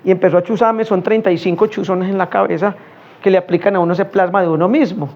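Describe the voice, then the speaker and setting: A man's voice: high-pitched, fairly even intonation, fast, highs cut off. A middle-aged man preaching a sermon in a conversational way, often asking the congregation questions.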